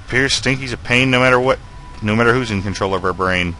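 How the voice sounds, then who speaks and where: A man's voice: medium pitch, fast talker, sharp tone, rough recording. A man giving casual let's play commentary, musing aloud to himself.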